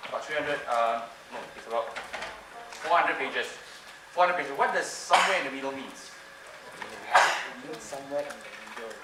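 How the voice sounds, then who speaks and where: Man, conference speaker, lively up-and-down voice, playful and repetitive, roomy hall, distant mic. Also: medium pitch, moderate pace, heavy background noise. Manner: playful, repeats phrases, coaxes the audience. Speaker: conference speaker doing a mind-reading trick. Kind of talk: interactive stage talk with audience. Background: audience laughter and room ambience.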